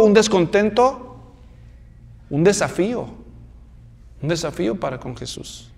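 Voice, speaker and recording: A man's voice: high voice, big-room sound. A man preaching a sermon, telling the story vividly and putting questions to the congregation. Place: church.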